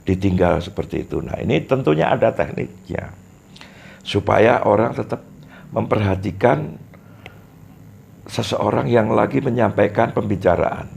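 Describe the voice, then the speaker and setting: A middle-aged man coaching public speaking, talking slowly and deliberately and demonstrating rhythm and emphasis aloud. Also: low voice, vocal fry, darkish tone, husky. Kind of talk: instructional talk to an audience.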